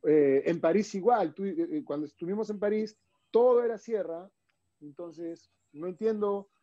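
A man's voice: high-pitched, moderate pace, muffled recording. A Peruvian man with a Peruvian Spanish accent, a guest in a casual interview, telling stories animatedly and acting out the dialogue. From Peru. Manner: animated storyteller, acts out quoted dialogue.

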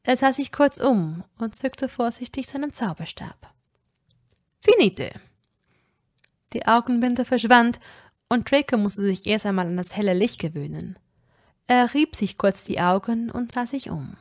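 A woman narrating a fan fiction story in a measured, even way. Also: a little high. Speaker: audiobook reader. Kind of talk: reading fan fiction aloud.

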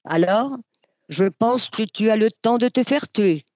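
A reader voicing a brave general questioning a young drummer in a brusque, teasing way, spoken slowly and dry. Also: medium pitch, expressive, a little mellow, dry recording, voice pushed up, lightly acted. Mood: gruff. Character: gruff brave male general.

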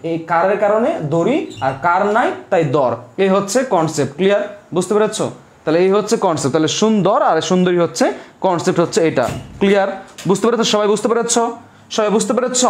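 A man's voice: high voice, roomy sound. A man teaching an online class. He repeats each rule and keeps checking whether students understood. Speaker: Bengali language teacher.

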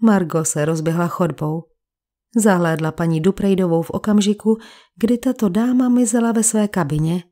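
A woman's voice: lowish voice, mellow. A woman narrating a detective story as an audiobook reader, giving each character a slight change of voice. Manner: reads all characters with small shifts in voice. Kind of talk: scripted crime story narration.

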